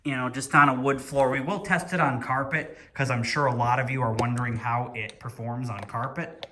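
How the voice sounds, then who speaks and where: A man's voice: mid-range voice, fairly even intonation, moderate pace, sharp tone, slight background noise. A man giving a casual hands-on toy review indoors at home. He talks in a chatty, rambling way and thinks aloud while he works with his hands.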